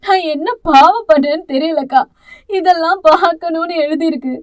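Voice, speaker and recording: A woman's voice: sits high, fairly quick, darkish tone, lightly acted. A woman doing an anguished weeping mother. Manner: weeping, fearful lament.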